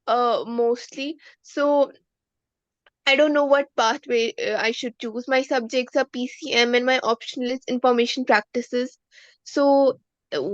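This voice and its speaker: A woman's voice: on the high side, dry recording. A young woman in her late teens from Kashmir with an Indian accent, a student earnestly and hesitantly asking for advice on an online call. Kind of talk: asking a question in an online session. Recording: dry, dull online call audio.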